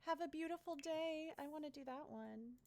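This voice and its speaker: A woman's voice: sits high, normal speed, background noise. A young woman casually narrating her gameplay, bubbly, chatty and easily delighted. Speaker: let's play host.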